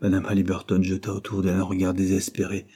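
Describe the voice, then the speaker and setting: A man reads a classic novel aloud in steady, scripted narration. His voice sits low, dark and mellow, with a husky grain throughout. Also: quick pace. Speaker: audiobook narrator.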